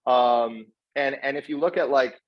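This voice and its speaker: Partly raised in South Africa, this Canadian guest speaker and network marketer talks in a mid-range voice at a measured pace. His informal motivational talk is earnest and slangy, effusively grateful, and he keeps doubling back and repeating words like a bro. It comes through dull, lo-fi online call audio.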